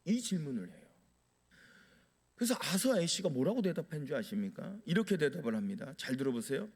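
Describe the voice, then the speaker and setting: High, animated Korean pastor preaching. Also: male voice, fairly quick, husky. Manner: dramatic, acts out quoted prayers; addresses the congregation with rhetorical questions. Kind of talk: sermon.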